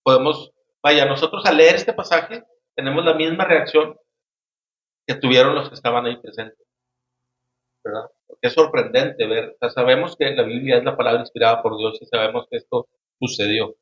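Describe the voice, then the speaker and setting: A man hosting a casual Bible study discussion, speaking haltingly with many restarts and frequent tag questions. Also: mid-range voice, steady tone, fairly bright tone. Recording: roomy, dull lo-fi sound.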